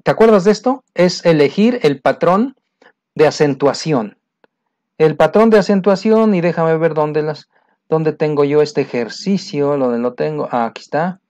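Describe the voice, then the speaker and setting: A man's voice: fairly high pitch, moderate pace, a little mellow, lo-fi sound. A man teaching English in a recorded lesson, going over exercise answers and patiently explaining by repeating words and speaking straight to the learner.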